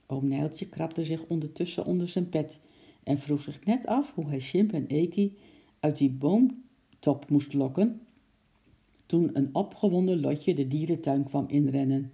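Low, gravelly woman reading a story. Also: measured pace, mellow. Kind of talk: reading a children's story aloud.

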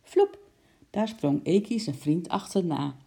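A narrator reading a children's story aloud in a lively, expressive way, voicing sound effects. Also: medium pitch, a little slow, vocal fry, husky.

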